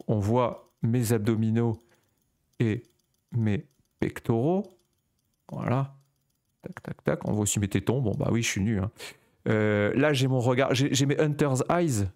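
A man's voice: medium pitch, unhurried, pauses often, a little mellow. Playful French man, mock rants. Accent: Parisian-region French. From France. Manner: playful, exaggerated storytelling. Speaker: panel judge. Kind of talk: comedic casual commentary.

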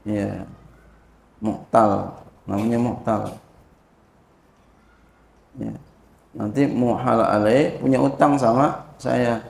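A man teaching an informal religious lesson, slowly explaining a classical text, checking understanding and chanting Arabic phrases. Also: fairly even intonation, gravelly, darkish tone. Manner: slow and repetitive, frequent "ya" and "paham?" checks, chants Arabic phrases higher. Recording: echoey room.

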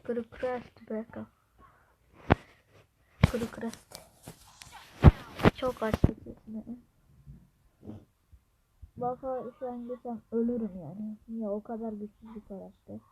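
A woman's voice: fairly high pitch, little pitch movement, takes it slowly, pauses often. A Turkish woman with a blocked nose, chatting casually and muttering to herself as she plays a game. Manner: chatty, mutters and whispers to herself while playing. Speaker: gameplay streamer. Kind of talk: casual gameplay commentary. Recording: noisy home recording.

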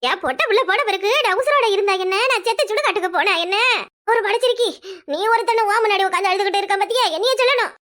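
A woman's voice: extremely high pitch, fast talker, fairly bright tone. A woman voicing a wailing old village mother. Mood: lamenting. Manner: wailing, scolding, lamenting. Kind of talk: cartoon comedy voice acting.

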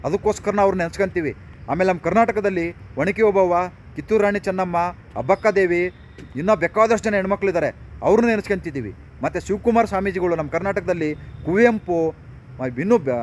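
A man, delivering an impassioned monologue full of rhetorical questions and repeated phrases, recorded outdoors near traffic. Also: sits high. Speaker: political commentator.

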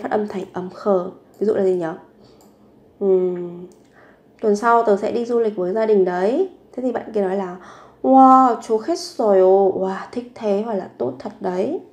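A woman's voice: mid-range voice, normal speed, warm tone. Woman teacher repeating phrases patiently. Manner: repeats each phrase three times, then explains; asks rhetorical questions while explaining. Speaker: Korean language teacher. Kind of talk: language lesson narration.

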